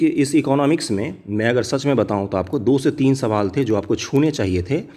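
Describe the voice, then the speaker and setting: A man's voice: mid-range voice, dark tone. A man teaching exam preparation, talking viewers through a test paper in a direct, earnest way. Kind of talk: casual exam paper discussion.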